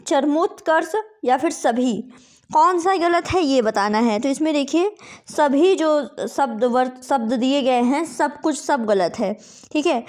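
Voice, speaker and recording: A woman tutor going through quiz answers, patiently spelling out words letter by letter and checking in with "okay" often. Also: high-pitched. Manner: patient, repeats "ठीक है" often. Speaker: Hindi exam tutor.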